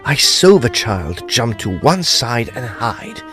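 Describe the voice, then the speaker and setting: An actor in an audio drama plays a grave, intrepid ghost hunter, narrating his own ghost story in the first person with theatrical suspense and an awed, tense mood. His medium-pitched voice is sing-song and unhurried, set over music.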